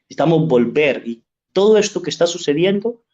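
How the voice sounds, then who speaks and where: Male priest, pitched a bit high, earnest sermon storytelling, slightly lo-fi recording. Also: lively intonation, brisk, a little mellow. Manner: earnest storytelling, tag questions "¿sí?".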